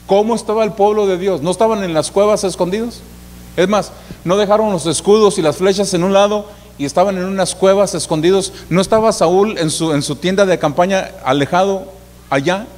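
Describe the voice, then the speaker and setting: A man's voice: high voice, fairly quick, darkish tone. A man preaching a sermon, repeating himself and asking the congregation questions. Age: 40s. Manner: repetitive, asks the congregation questions. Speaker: pastor. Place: church hall. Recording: reverberant hall, faint hum.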